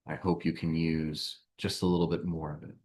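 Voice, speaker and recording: A man voicing a gentle, motherly goddess, speaking softly and tenderly. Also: rumbling low, flat delivery, normal speed.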